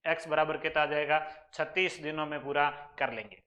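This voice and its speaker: A man's voice: on the high side, steady tone, a little fast, pushed and bright. A man with a Rajasthani accent teaching an exam-prep maths lesson, working through problems step by step and answering his own questions.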